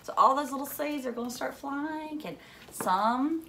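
A woman in her thirties with a high-pitched, gravelly voice reads a picture book at a measured pace to young children in a furnished room at home, with a little hiss or hum audible. She reads expressively, adding dramatic gasps, hushed moments, asides, and simple questions to the kids.

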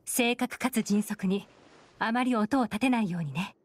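A woman voicing a shrewd, composed secret agent in an anime game, speaking in a cool, measured, instructing manner. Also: mid-range voice, close to an everyday voice. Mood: calm, cautioning. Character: composed, shrewd adult woman agent leading a covert mission.

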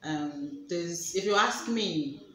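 A woman's voice: fairly low pitch, animated, slow, a bit bright. A woman teacher from Nigeria answering interview questions in a thoughtful, hesitant way with many fillers. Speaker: guest, secondary school teacher. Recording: echoey room with faint noise.

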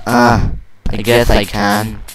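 Brief: young man, let's play commentator, loud and foul-mouthed, shrieks at failures, slow delivery, noisy home mic. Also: fairly low pitch, little pitch movement. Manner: loud, profane, yelps and shouts at in-game mishaps. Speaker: gaming channel host. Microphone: desk microphone.

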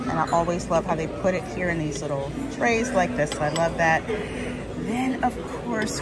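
A young woman chatting eagerly about food in a casual vlog, filmed on a phone at arm's length in a busy restaurant. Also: fairly low pitch. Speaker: food vlogger. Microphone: phone camera at arm's length. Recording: loud restaurant crowd and music. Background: loud crowd chatter and music.

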